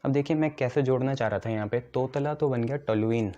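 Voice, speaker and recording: Soft and mellow at middle pitch, a fast-talking male chemistry teacher lectures with memory tricks, taking each step in turn. He keeps checking the class follows, often with "ठीक है", and asks questions before answering them himself; the recording is dull and lo-fi.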